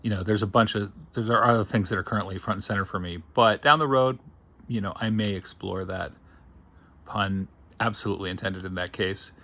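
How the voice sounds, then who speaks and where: A science fiction writer thinking aloud in a casual, digressive monologue. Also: male voice, lowish voice, fairly quick, bright, forceful tone.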